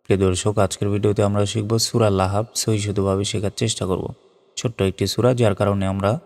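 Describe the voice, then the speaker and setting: A man teaching Quran reading with a Bangladeshi Bengali accent, spelling out each letter slowly and then chanting the verse. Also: lowish voice, gravelly. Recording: studio voice with long reverb and soft music.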